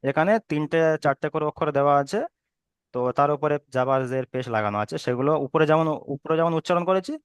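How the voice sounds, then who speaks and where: A man's voice: on the high side, fast talker, clear, resonant tone, no room sound. A man teaching a reading class online, patiently repeating and drilling each sound.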